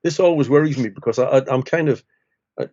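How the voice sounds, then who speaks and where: A man rambles through jokes in a casual chat over beers, restarting sentences and tacking on questions. His pitch sits in the middle range. The recording is dull and lo-fi. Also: quick pace, darkish tone. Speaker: social worker podcast co-host. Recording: muffled lo-fi recording.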